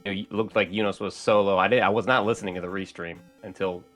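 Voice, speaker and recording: Easygoing male guest, very low voice, relaxed post-race chat, faint music behind. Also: fast talker. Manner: easygoing, friendly, laughs often.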